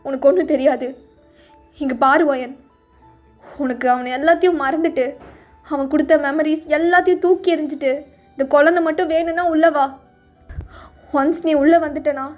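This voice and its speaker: A hard, unforgiving middle-aged mother lays down the law to her daughter, voiced by a woman. She speaks slowly and cuttingly in a fairly high voice. Faint music runs behind this fan audio drama. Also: steady tone, lightly acted. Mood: scolding. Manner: scolding, slow and cutting. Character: stern middle-aged mother, harsh and scolding. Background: soft music.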